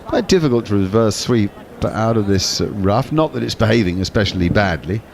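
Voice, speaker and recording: Deep-voiced man calling cricket. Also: lively intonation, vocal fry, darkish tone. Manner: measured, explanatory, with small restarts. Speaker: cricket commentator on a watchalong. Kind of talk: ball-by-ball commentary.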